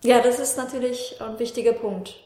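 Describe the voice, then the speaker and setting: A woman's voice: a little high, fairly even intonation, normal speed, mellow. Supportive woman interviewer, echoey room. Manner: supportive, frequent short affirmations. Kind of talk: conversational interview. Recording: roomy echo.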